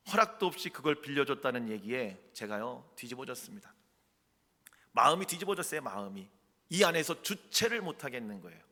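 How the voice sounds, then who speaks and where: Animated preaching man in a reverberant church. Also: mid-range voice. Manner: animated storytelling, calls on the congregation. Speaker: pastor. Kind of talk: sermon. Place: church sanctuary. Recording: long reverb of a church hall.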